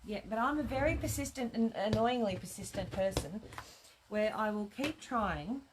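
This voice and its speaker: A woman who owns a craft shop chats through a live sewing demo streamed from her home on a tablet, muttering to herself and fielding viewer comments as she sews. She speaks at a normal speed with a medium pitch and lively intonation. The background is noisy.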